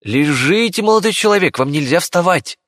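A man's voice: high-pitched, lively intonation, moderate pace, a bit bright, dry recording, studio quality, voice pushed up. A man voicing a fussy, talkative rabbit-faced village doctor in an audiobook, speaking in a chatty, slightly ingratiating way. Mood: fussing. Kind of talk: audiobook character voice.

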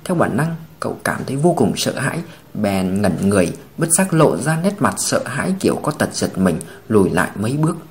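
Expressive male audiobook narrator. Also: on the low side, a little fast, slight background noise. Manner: expressive, dramatic. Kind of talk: dramatic audiobook reading.

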